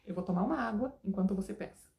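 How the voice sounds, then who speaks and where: A woman's voice: medium pitch, rapid-fire, mellow, roomy sound. A woman teaching an English lesson in a casual, chatty way, often checking in with her students.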